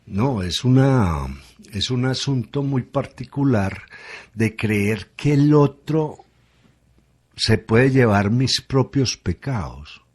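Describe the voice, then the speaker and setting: A man's voice: medium pitch, expressive, slow pace, a little mellow. A man, a guest on a radio conversation, reflecting aloud and asking rhetorical questions.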